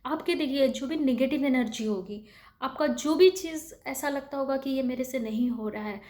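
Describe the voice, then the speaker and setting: A woman's voice: high-pitched, moderate pace, a little mellow. A woman giving a motivational spiritual talk, earnest and pleading, asking rhetorical questions and mixing in English words. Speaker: spiritual speaker.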